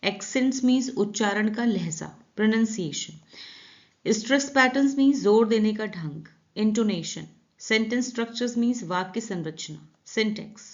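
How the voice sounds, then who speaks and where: A woman teaching vocabulary in Hindi, reading sentences slowly and explaining each word with repeated translations. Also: medium pitch. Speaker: English teacher. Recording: dull lo-fi recording.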